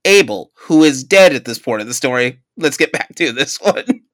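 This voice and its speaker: Bright-voiced man hosting a chatty podcast. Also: mid-range voice, moderate pace, no echo. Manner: animated storyteller, rambling with restarts. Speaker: podcast host. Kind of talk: casual podcast chat.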